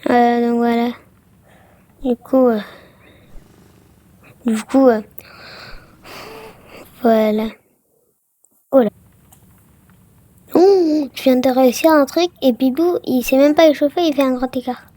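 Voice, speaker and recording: A woman's voice: sits high, slow, long pauses, mellow, no room sound. A woman casually commenting on a game she plays for viewers, chatty and full of exclamations and filler words. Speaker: gaming vlogger.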